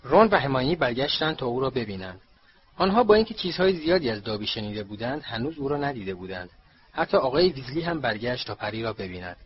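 A man reading a storybook aloud in steady, measured scripted narration. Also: mid-range voice, slightly rough, dull audio. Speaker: audiobook narrator.

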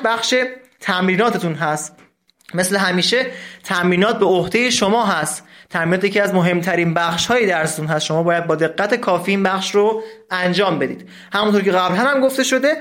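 A man teaching English from a textbook in a recorded lesson, explaining step by step and saying English words slowly. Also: high-pitched, a bit bright.

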